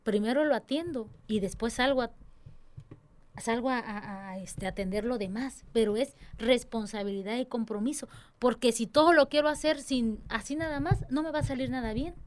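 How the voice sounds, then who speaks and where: A young woman with a high, bright-pitched voice talks earnestly about serving in her church's tambourine dance ministry. She speaks expressively and slips into little voices when quoting others. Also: normal speed. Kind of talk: casual church talk interview.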